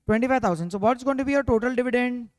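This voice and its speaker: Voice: medium pitch, steady tone, very fast, no echo, studio quality. A finance teacher with an Indian accent giving an interactive revision lecture, constantly prompting students with questions and dropping in the odd Hindi interjection.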